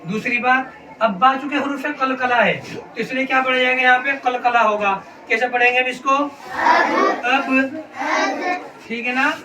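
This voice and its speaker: Pausing often at a measured pace, a man with an extremely high-pitched voice drills letter sounds and repeatedly questions children learning to read the Quran, staying patient throughout this call-and-response lesson. The classroom recording is echoey, noisy and distant-miked, with children's voices and room noise audible.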